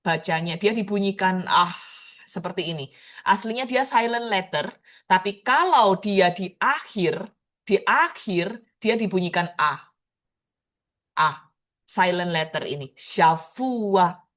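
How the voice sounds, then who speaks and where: A woman with a medium-pitched, slightly bright voice and a Surabaya Javanese accent runs an online language class, slowly and patiently repeating words so her students can copy the pronunciation.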